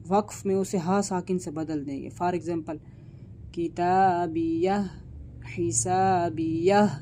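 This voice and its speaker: Male tajweed teacher: unhurried, warm low tone, patient explainer who lingers on recited examples. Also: slight background noise. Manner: patient, explanatory, stretches out example words when reciting them. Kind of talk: online tajweed lesson.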